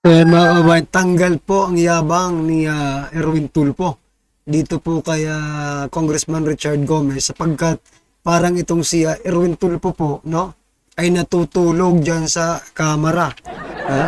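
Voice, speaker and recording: A man's voice: fairly high pitch, flat delivery, a little slow, no room sound. A man with a Filipino accent giving political reaction commentary, preachy, addressing listeners directly and tagging his points with questions.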